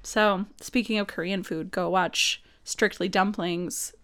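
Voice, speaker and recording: A woman's voice: medium pitch, steady tone, slow pace, fairly bright tone. A woman co-hosting a podcast from a home study, chatting casually with many fillers and frequent laughs. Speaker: podcast co-host. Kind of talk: casual chat.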